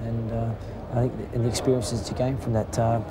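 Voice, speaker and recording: A man being interviewed about his sporting career, speaking haltingly with many fillers. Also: mid-range voice, little pitch movement, background noise. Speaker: player interviewed. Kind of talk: reflective interview.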